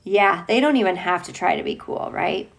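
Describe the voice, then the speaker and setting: Picture book in hand, a woman teacher reads aloud to children and playfully asks them questions in casual asides. She speaks at a normal speed in a fairly low, creaky voice.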